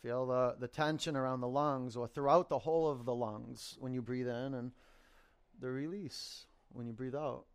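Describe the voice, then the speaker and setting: Unhurried man guiding yoga and meditation. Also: mid-range voice, steady tone, clean tone. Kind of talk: guided yoga and meditation instruction.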